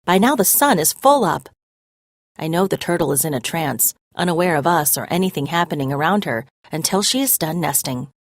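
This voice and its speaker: With a lower-register voice full of lively pitch movement, a woman narrates a children's story in a careful, expressive read-aloud style. The microphone is close and the recording dry.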